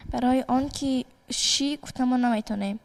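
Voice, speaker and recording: A woman's voice: sits high, creaky. A young woman student answering quiz questions in short, hesitant replies. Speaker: student contestant.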